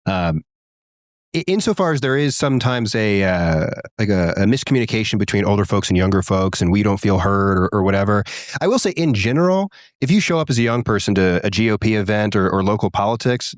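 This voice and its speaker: A man's voice: fairly low pitch, lively intonation, fairly quick, no room sound. A man in his twenties, a guest in a studio conversation, talking in an earnest, encouraging way with some restarts. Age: 20s. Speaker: guest, young political organizer.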